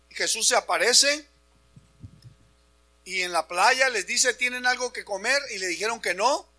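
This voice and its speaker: A man preaching an Easter sermon in church, animated and talking straight to the congregation, raising his voice for emphasis. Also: high voice, slow, long pauses. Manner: animated, addresses congregation as brothers, shouts for emphasis. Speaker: pastor.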